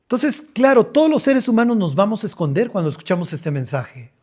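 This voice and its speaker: A man's voice: high-pitched, very animated, brisk, warm tone. Mexican pastor guy, middle-aged, preaching all jokey and slangy, acts stuff out. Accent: Mexican Spanish. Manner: joking, slangy, acts out scenes, frequent fillers. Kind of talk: lively conversational sermon.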